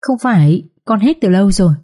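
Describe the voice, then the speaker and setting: A woman's voice: medium pitch, lively intonation, brisk, dark tone, lightly acted. A woman voicing a scheming young servant girl who whines and pleads, in a read-aloud story. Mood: whiny. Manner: whining, pleading.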